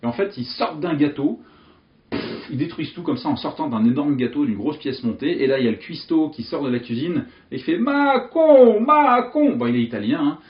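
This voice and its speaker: A man teaching memory techniques in an animated, jokey way, telling vivid picture stories. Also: medium pitch, fast, echoey room, muffled recording. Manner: lively, animated, jokey storytelling with vivid images. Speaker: memory coach. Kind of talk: explanatory teaching monologue.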